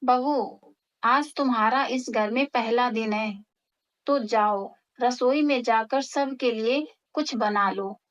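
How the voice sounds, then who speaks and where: Bossy middle-aged mother-in-law, lecturing tone, slow woman reading, fairly high. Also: lo-fi sound.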